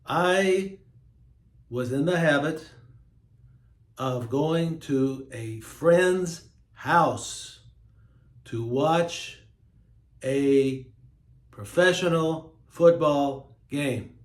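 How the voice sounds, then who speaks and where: A man hosting his own show, talking in a slow, emphatic, preachy monologue. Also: fairly high pitch, reverberant. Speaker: host. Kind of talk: monologue to camera.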